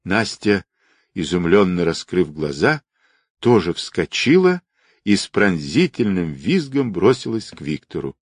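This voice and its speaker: A man's voice: low voice, sing-song, measured pace, slightly rough, no room sound, clean studio sound. A man narrating a story as an audiobook, reading expressively.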